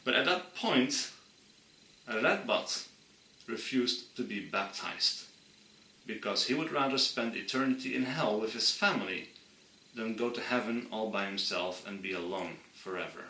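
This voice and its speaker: A man from Friesland, earnestly explaining history to his channel's viewers and slowing down to stress key points. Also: lowish voice, pushed and bright, reverberant, distant mic, a little hiss or hum, rough recording. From Friesland, Netherlands. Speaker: channel host. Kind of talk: explainer monologue.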